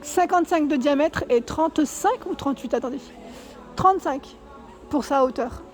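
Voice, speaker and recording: In a casual store walkthrough vlog, a woman speaking at normal speed in a high voice tours a furniture store. She lists prices and sizes steadily, item after item, with small self-corrections along the way.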